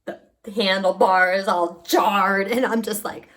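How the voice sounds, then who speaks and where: A woman's voice: medium pitch, measured pace. A woman vlogger casually telling stories to her viewers, acting out what people said along the way. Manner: lively storyteller who acts out what people said. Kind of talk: casual storytelling vlog.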